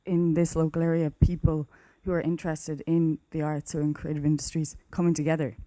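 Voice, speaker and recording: A woman's voice: low voice, flat delivery, brisk, mellow, no room sound. A woman with a west of Ireland accent speaking up from the floor at a conference in a nervous, hesitant manner. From Galway, west of Ireland. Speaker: arts facilitator and teacher.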